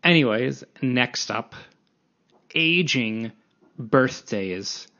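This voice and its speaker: Man, late twenties, solo podcast host, rambling casual monologue, self-deprecating, mid-pitched voice, slightly dull recording. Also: animated, extremely slow, pushed and bright. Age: 20s.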